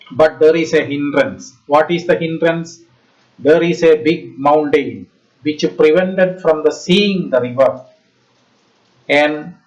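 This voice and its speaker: A male school teacher with a Malayalam Indian English accent gives a didactic lesson to schoolchildren in short halting phrases, often asking questions. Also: a little high. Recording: slightly dull lo-fi audio.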